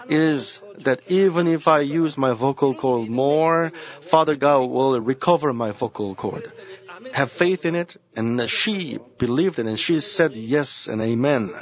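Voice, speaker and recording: A man delivers a sermon as senior pastor, unhurried and earnest. He circles back to repeat his key phrases. The recording is dull and lo-fi. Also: mid-range voice.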